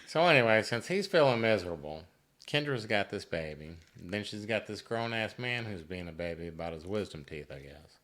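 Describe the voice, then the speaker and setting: A man with a very deep voice co-hosts a true-crime podcast in casual chat. His pitch swings widely as he talks, and he delivers dry, teasing jabs between stretches of the story. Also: expressive, moderate pace, fairly bright tone. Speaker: podcast co-host.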